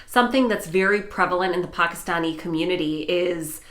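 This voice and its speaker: Here an American news anchor and vlogger in middle age speaks to camera in her personal vlog, her voice lowish and her delivery brisk. The storytelling is warm, earnest and full of enthusiasm.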